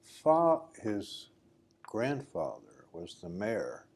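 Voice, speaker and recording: A man's voice: fairly low pitch, wildly swooping pitch, very slow, a little mellow, slightly rough. An American man conducting an informal oral history interview in a folksy, chatty way.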